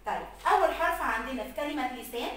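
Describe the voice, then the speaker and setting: A woman with an Egyptian Arabic accent teaching letters to young children, slowly stretching out sounds and words. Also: high voice, lively intonation, bright, forceful tone, heavy reverb, distant mic, a little hiss or hum. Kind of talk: recorded lesson for young children.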